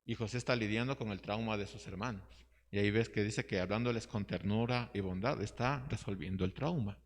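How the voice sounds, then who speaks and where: A man's voice: lowish voice, fairly quick. A man teaching a Bible study class, reading scripture aloud and asking his listeners questions. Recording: hall reverb.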